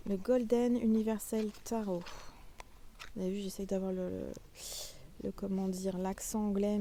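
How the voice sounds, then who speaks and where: A tarot reader with a medium-pitched, dark-toned voice chats casually through a reading outdoors in front of a castle. She speaks directly to her viewers, addressing them as little stars, over a little hiss or hum.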